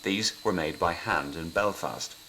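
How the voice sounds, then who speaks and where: A man's voice: low-pitched, a little slow, pushed and bright, low-quality recording. A man reading scripted documentary narration. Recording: clear background noise.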